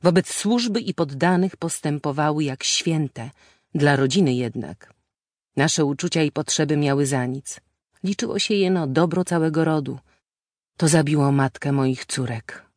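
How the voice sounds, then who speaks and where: A man's voice: on the high side, a little slow, no echo, clean studio sound, close to an everyday voice. A woman narrator voicing a brooding nobleman husband who speaks in grave, old-fashioned formal phrases. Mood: grim. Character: brooding married nobleman, bitter toward his family.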